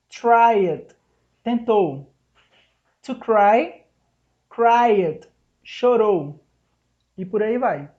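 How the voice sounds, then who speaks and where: A man teaching an English lesson in Portuguese, explaining each rule step by step and slowing down to spell out the English examples. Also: high voice, darkish tone. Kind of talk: recorded online lesson. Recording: dull lo-fi recording.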